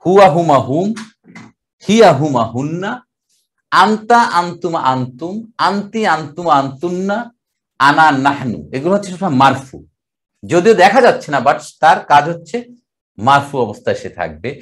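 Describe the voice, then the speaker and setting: An older man from Bangladesh teaching Arabic grammar in a classroom lecture, explaining step by step and drawing out the Arabic words slowly. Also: on the high side, lively intonation, a bit bright.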